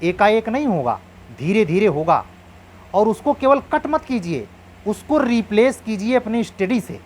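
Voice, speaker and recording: A man's voice: sits high, very animated, moderate pace, darkish tone. Man giving earnest exam advice. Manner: earnest, advising, uses proverbs. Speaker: exam coach.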